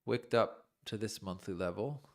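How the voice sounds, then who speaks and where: A crypto trading streamer with a lowish voice at normal speed analyzes charts live, thinking aloud informally in fragments. His voice is starting to go, and he keeps clearing his throat.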